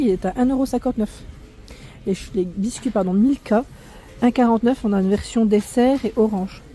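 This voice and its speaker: A woman's voice: medium pitch, warm tone. A woman filming a shopping vlog in a food discount store, chatting as she reads out prices and weights and correcting herself along the way. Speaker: vlogger showing store prices. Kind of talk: walk-through shopping vlog.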